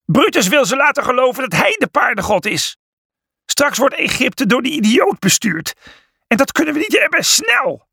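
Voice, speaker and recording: A loyal, excitable animal sidekick from a storybook, played by a man. He speaks urgently in a much higher voice that sounds breathless, with lively swings in pitch and a husky edge. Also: moderate pace, no echo, studio quality, heavily acted. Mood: alarmed. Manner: urgent, shouting.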